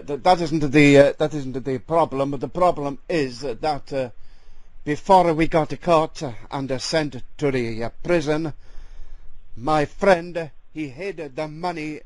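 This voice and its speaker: A man's voice: on the high side, fairly even intonation, a little mellow, no room sound, lightly acted. A man voicing a hesitant Italian ex-convict who speaks broken English with an Italian accent and many fillers. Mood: bumbling. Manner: halting, full of uh fillers, broken grammar. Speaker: prank caller. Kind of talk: prank phone call in character.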